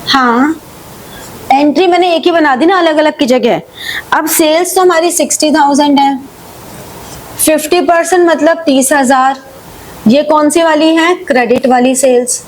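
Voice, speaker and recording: A woman teacher leads a live class at an unhurried pace. She reads each question out slowly, then explains it in a Hindi-mix and keeps checking that the students follow. A faint hiss sits behind her voice. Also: high-pitched, rough recording. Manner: checks understanding with frequent "ठीक है" and questions. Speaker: accountancy teacher. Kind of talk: live online class, solving problems step by step.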